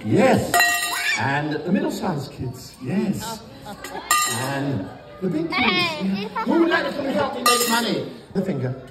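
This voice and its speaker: An older English man working as a kids' party magician, with lively, swooping delivery. He teases and instructs children in playful, theatrical stage patter. He is heard from far off in an echoey, noisy hall. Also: high-pitched, measured pace. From England. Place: large wood-panelled indoor council chamber. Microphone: audience phone camera from several metres. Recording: echoey hall, distant phone, noisy young audience. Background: crowd of children and adults.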